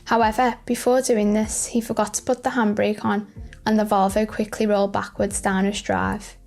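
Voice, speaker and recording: A woman's voice: medium pitch, little pitch movement, normal speed, gravelly, darkish tone. A woman reading scripted narration for light news video clips. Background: music.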